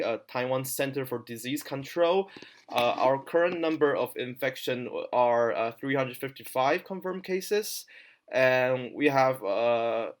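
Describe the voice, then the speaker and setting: A man hosting a casual podcast over a remote call, talking hesitantly with many fillers and restarts. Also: mid-range voice. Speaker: podcast host.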